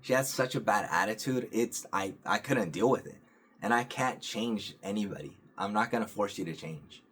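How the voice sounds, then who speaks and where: A young man vlogging, telling a personal story in a calm, earnest, rambling way with many restarts and fillers. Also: lowish voice, normal speed, slightly rough. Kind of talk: casual storytelling to camera.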